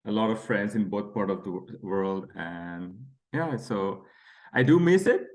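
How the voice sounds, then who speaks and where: Author guest: man, deep-ish voice, relaxed conversational talk with many fillers. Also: measured pace. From Bangladesh. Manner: friendly, chatty, laughs between phrases, many fillers. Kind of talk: casual interview chat.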